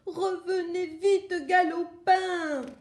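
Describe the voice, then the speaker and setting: A fussing mother hen from a children's storybook, as a woman puts her on, with a piercing, high-pitched call. Her cries come out loud and insistent and ring through a roomy, echoing space. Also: steady tone, very slow, heavily acted. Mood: scolding cries. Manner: high, shrill scolding cries. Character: fretful mother hen chasing her eggs. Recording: roomy echo.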